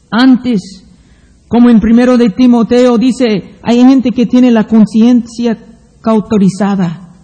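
A man preaching a sermon, reading Bible passages aloud in a slow, deliberate way. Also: very high voice, dark tone. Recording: long hall reverb.

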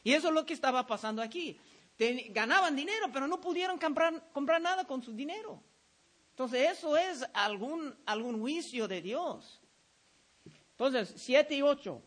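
A middle-aged man preaching a sermon, reading Bible verses slowly and telling a lively story from his week. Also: very high-pitched. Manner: lively storytelling, says he was shouting. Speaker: pastor.

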